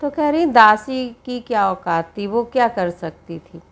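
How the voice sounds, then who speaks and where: A woman teacher giving a poetry lesson. She reads each verse line, then explains it slowly in plain words, often repeating herself. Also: on the high side, animated.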